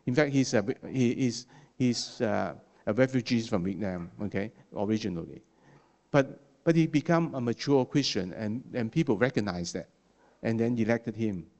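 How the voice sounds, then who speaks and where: Preaching to his congregation in English, which is not his first language, a man stumbles through restarts and fillers and frequently tags "okay?" onto the end of a point. His pitch is ordinary for a man, his intonation lively, and his tone a little mellow.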